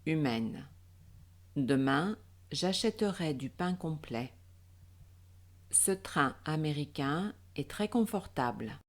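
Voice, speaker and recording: Slow, low-voiced French pronunciation teacher. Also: female voice, lively intonation. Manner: slow, deliberate, syllable by syllable.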